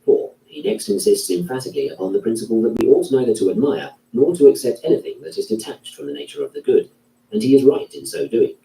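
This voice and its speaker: A man reading a classic philosophy text aloud in a measured, solemn manner. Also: mid-range voice, vocal fry, mellow. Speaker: narrator. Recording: roomy, distant from the mic.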